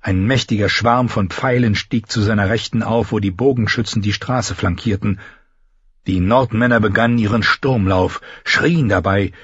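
Husky-voiced man narrating a fantasy audiobook. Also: medium pitch, no echo. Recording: slightly dull lo-fi dry recording.

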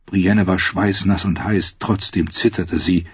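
A man reading a fantasy novel aloud in scripted narration, with a husky voice. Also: deep voice, fairly even intonation, a little slow, dry recording. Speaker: audiobook reader. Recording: slightly dull, dry audiobook recording.

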